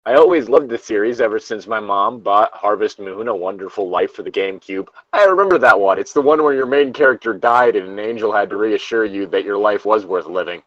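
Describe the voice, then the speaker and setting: A co-host reads internet horror stories aloud casually, riffing with profane, self-interrupting asides and banter. His voice is fairly low and brisk with few pauses, on a dry recording with the highs cut off.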